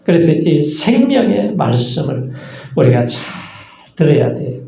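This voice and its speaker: Speaking unhurriedly in a sing-song, mellow voice with vocal fry, this fairly high-pitched male pastor delivers an earnest sermon. He poses rhetorical questions and acts out brief asides, and the echo of the church sanctuary carries through the recording.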